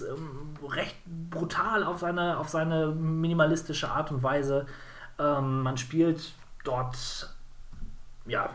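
A man co-hosting a casual games podcast, rambling with many fillers and self-corrections. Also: mid-range voice. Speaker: podcast co-host. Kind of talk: casual game podcast chat.

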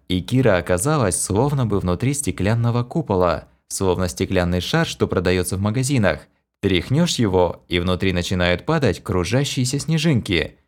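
Male audiobook narrator, intense and dramatic, fairly low voice with lively swings. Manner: intense, dramatic, emotional reading. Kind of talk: first-person fantasy audiobook narration.

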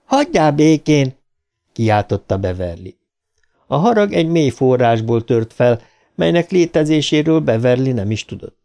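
A man's voice: lively intonation, creaky, warm tone. A man reading a novel aloud as an audiobook, with tense, dramatic narration that rises with the story. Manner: tense, pitch rising with the drama. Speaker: audiobook reader.

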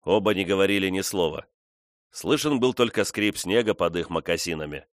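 A man narrating an audiobook in an expressive storytelling manner. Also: low-pitched, brisk, no room sound, studio quality. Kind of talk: scripted narration.

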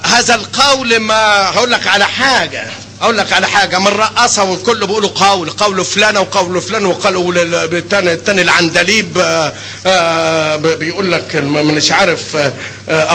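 An older man with an Egyptian Arabic accent teaching a hadith class, animated and constantly quizzing his students with questions. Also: high voice, brisk, slight background noise, low-quality recording. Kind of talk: classroom lecture.

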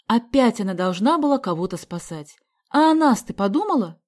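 A woman voicing a worried mother who scolds her daughter in loud, exclaiming outbursts. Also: fairly high pitch, very animated, moderate pace, pitched above the performer's own voice. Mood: upset scolding. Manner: exclaiming, reproachful. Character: anxious scolding mother, middle-aged woman.

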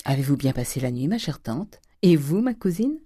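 A woman reading an audiobook, voicing a flattering young male Parisian dandy in an airy, coquettish way. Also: low voice, moderate pace, slightly rough, dry recording, full character voice.

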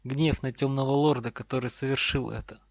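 A man narrating a novel in a measured, even reading voice. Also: mid-range voice, dry recording. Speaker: audiobook narrator. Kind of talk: scripted narration. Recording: dry, slightly dull recording.

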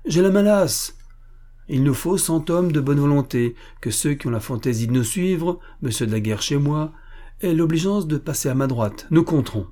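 A man voicing a bold young swordsman who talks in a lively, bantering way. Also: fairly high pitch, normal speed, voice pushed up, lightly acted. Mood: excited.

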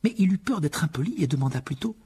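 A man reading an audiobook expressively, with a lively delivery that rises in pitch for dialogue. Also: quick pace, husky. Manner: lively, voices Harry with rising pitch in dialogue. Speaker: audiobook narrator.

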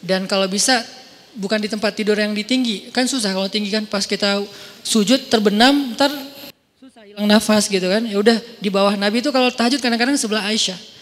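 A man giving a casual, animated sermon in a mosque, telling stories and acting out voices with jokes. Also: sits high, fairly quick. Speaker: preacher. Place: large mosque hall. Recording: hall reverb in a mosque.

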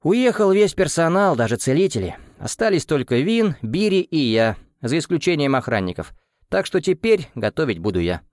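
A man's voice: a little high, big pitch swings, normal speed, a little mellow, no room sound, clean studio sound, pitched above the performer's own voice. A man voicing a big, proud male cook who talks in a boisterous, boastful way. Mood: cheerful.

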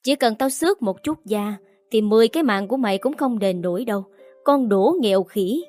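A woman's voice: a little high, lively intonation, fairly quick, darkish tone, lightly acted. A woman voicing a spiteful, bratty young woman who taunts and sneers, in an audiobook. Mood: taunting. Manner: sneering, mocking. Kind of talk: audiobook character voice. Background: faint background music.

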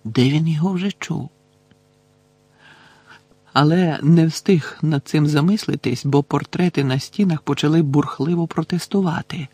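A man narrating an audiobook in a steady, unhurried reading voice. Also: a little high, slightly rough, no echo.

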